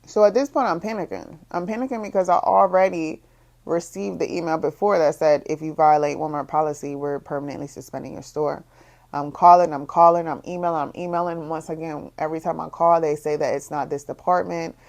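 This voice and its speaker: A young woman running her own swimwear shop tells a casual vlog story. Her voice sits a little low, and she repeats phrases as her exasperation grows, pushing her pitch higher when the frustration peaks. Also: fairly even intonation, brisk, darkish tone. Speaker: small business owner, bikini designer.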